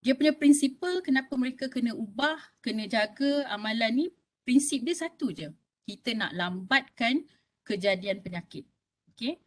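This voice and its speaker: With a Malaysian Malay accent, a female doctor in her fifties talks to an audience about health in a conversational style, regularly adding "okey?". Her voice is on the high side and animated, at normal speed, with slight background noise.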